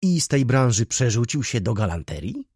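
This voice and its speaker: A man voicing a polite, ingratiating male sales agent who asks curious questions, with a husky voice. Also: medium pitch, big pitch swings, moderate pace, darkish tone, dry recording, studio quality. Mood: inquisitive.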